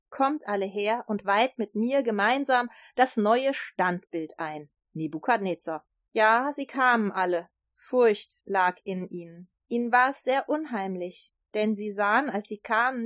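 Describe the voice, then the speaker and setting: A woman telling a Bible story in a lively, expressive way. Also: mid-range voice, no room sound, clean studio sound.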